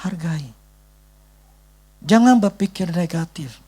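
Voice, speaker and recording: A man's voice: high-pitched, lively intonation, takes it slowly, dark tone, breathy edge. A male pastor preaching a sermon in an emphatic, conversational way, leaning on casual tags. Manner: emphatic, conversational, repeats "gitu loh".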